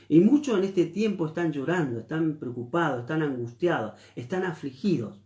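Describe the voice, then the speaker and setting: Earnest Argentine pastor, echoey church. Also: male voice, on the high side, darkish tone. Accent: Argentine Spanish. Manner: earnest preaching with repeated phrases. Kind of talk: sermon.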